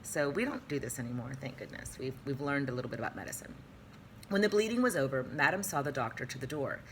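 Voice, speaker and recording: A woman's voice: very deep voice, animated, quick pace, fairly bright tone, a little hiss or hum. A young woman teacher reading a novel aloud and chatting about it in a playful, easily distracted way, recorded at home on a webcam.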